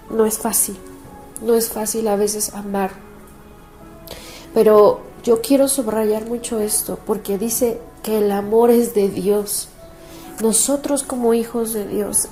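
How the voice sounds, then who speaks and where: Mellow-voiced woman pastor, devotional sermon. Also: mid-range voice. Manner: warm personal storytelling with soft laughs and restarts. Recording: faint background music.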